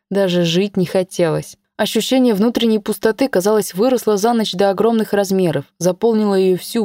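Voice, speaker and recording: A woman reading a story aloud as narrator, calm and even. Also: medium pitch, no echo. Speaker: audiobook narrator. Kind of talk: scripted narration.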